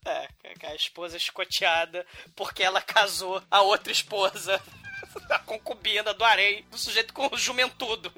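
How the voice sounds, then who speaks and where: A Brazilian man with a high, very bright voice hosts a loose film-review chat. He jokes crudely and laughs often, with faint music underneath. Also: moderate pace.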